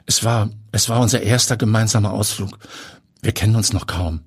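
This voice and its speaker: A shaken middle-aged man, voiced by a male audiobook reader, who speaks in halting, subdued phrases. The voice carries a husky grain and sits only slightly above the reader's own. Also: on the low side, dry recording, clean studio sound.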